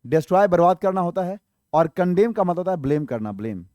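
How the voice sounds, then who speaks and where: A man's voice: sits high, very animated, fast talker, dark tone, no echo. A man teaching English vocabulary for an exam, explaining each word, spelling some letter by letter, and asking his viewers questions that he answers himself. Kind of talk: exam-prep vocabulary lesson.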